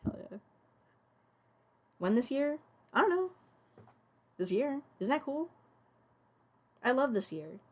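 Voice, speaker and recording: A woman's voice: high voice, very animated, slow pace, pauses often, darkish tone. A young woman streaming as she animates a puppet, chatting casually and muttering to herself as she works. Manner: rambling, talks to herself and chat, mutters. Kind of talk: casual live-stream chat while animating.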